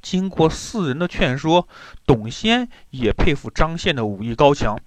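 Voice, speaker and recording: A man narrating a children's story in an animated, expressive way. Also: a little high, moderate pace, no room sound.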